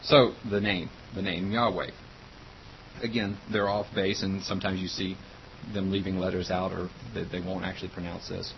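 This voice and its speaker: A man with a very low voice teaching an informal Bible lesson. He explains words plainly, spells some out and reads passages aloud. The recording sounds slightly dull, with a faint hiss behind him. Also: flat delivery, normal speed, vocal fry.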